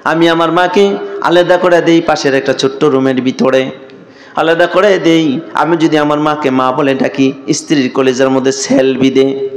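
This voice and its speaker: A man voicing a grief-stricken grown son who tearfully confesses a terrible wrong, his voice pitched high as he pleads. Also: fairly even intonation, normal speed, natural voice. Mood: pleading. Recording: echoey sermon sound.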